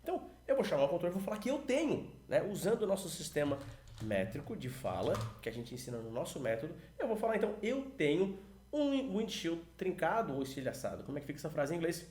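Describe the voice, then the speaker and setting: Brazilian man, aviation english teacher, fairly high voice, lively pitch, roomy echo. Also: a little hiss or hum. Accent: Brazilian Portuguese. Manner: lively, coaching, models English radio phrases slowly. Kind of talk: explanatory lesson, talking to camera.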